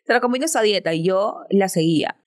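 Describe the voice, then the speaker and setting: A woman's voice: medium pitch, lively intonation, fast talker. A woman, a podcast guest telling a personal story in an earnest, reflective way. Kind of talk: casual chat.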